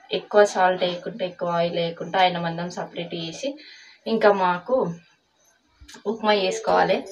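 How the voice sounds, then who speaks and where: A woman calmly narrating her morning cooking in a home vlog, explaining each step. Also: fairly low pitch, a little hiss or hum. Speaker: vlogger. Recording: distant mic with faint ambience.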